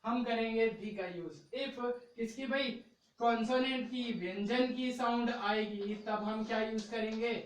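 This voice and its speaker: A man's voice: very high voice, unhurried, far from the mic, a little hiss or hum. A man teaching an English grammar lesson in a patient, repetitive classroom manner, often adding little check-ins. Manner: patient, repetitive, ends phrases with "okay" and "brother". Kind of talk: classroom-style video lesson. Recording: very echoey room, voice from off mic.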